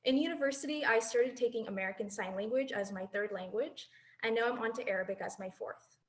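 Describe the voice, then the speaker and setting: Her voice a little high and fairly quick, a twenty-something woman reflects earnestly on her time as an exchange student in a prepared speech. She holds a handheld mic and lets out a light laugh here and there.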